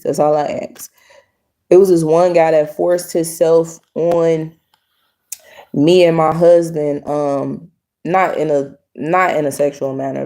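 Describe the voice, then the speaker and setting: A woman's voice: lowish voice, dark tone. A young adult woman vlogger giving a casual opinion monologue to the camera, blunt and emphatic, repeating her points.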